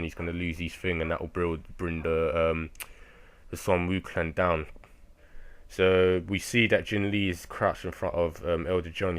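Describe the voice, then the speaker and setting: A young man casually recapping a manga chapter, rambling and excitable, with lots of fillers and laughs. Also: deep voice. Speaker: manga reviewer.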